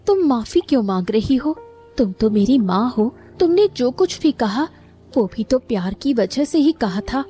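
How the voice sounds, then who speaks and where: A woman voicing a loving, determined young daughter in an animated story, with a soft, earnest voice. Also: on the high side. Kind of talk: Hindi cartoon voice acting.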